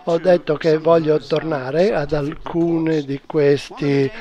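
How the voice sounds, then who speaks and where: A man's voice: fairly high pitch, fairly even intonation, slow, dark tone, dull audio. A man preaching a sermon, speaking earnestly and emphatically and addressing the listeners directly.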